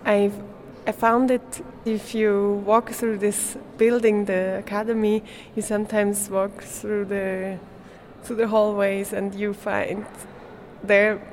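A young Swiss art student, a native German speaker, answers interview questions in English, hesitating, searching for words, and laughing often. Her medium-pitched voice is darkish, flat in delivery, and slow.

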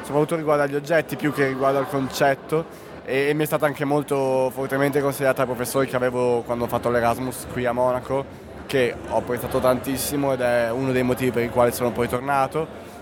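A man's voice: mid-range voice, little pitch movement, quick pace, a crowd in the background. A man from Italy with an Italian accent, an art student answering interview questions thoughtfully and searching for words.

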